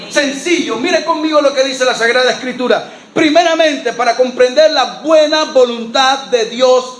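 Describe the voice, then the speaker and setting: A man with a very high-pitched voice delivers a fervent sermon, swinging from shouted exhortation to hushed asides. He is picked up from a distance in a strongly echoing church, with a faint hiss beneath. The sound is roomy and distant rather than close. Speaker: pastor. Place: church sanctuary. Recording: echoey church from far off, faint noise.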